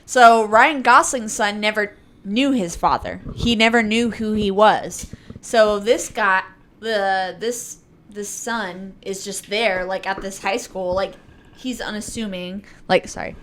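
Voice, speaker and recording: A woman's voice: mid-range voice, slow pace, a bit bright, a little hiss or hum. Chatty young woman retelling a film plot. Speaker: podcast guest. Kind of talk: casual film chat among friends.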